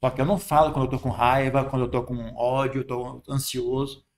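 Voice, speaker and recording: A man's voice: medium pitch, little pitch movement, a little fast. A man with a Brazilian Portuguese accent, a Buddhist monk giving a conversational dharma talk, often tagging "sabe?" and "né?".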